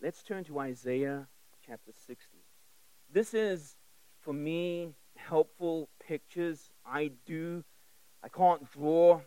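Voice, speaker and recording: On a low-quality but dry recording, a man with a mellow, clean, slightly high voice preaches at a slow pace. Born in England and raised in South Africa, he speaks conversationally and emphatically, with direct questions, repeated phrases, and stories from his own life.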